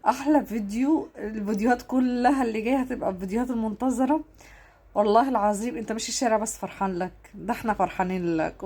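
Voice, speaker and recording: A woman's voice: fairly high pitch, dark tone. A woman with an Egyptian accent giving emotional casual vlog commentary, fighting back tears and repeating herself. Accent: Egyptian Arabic. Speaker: online commentator.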